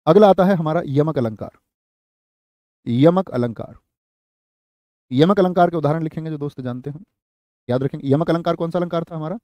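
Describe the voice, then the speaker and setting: A young man teaching an online exam-prep class, repeating phrases slowly for students to write down and calling on them by name. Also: a little high, mellow, no echo. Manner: slow, repeats phrases for dictation, addresses students.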